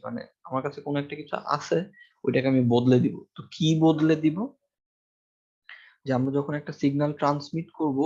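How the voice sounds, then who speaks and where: A man's voice: mid-range voice, a little mellow, muffled recording. Man lecturing to a classroom, questioning students. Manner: explanatory, asks students questions, many fillers. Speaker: university lecturer. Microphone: microphone with amplifier in a classroom.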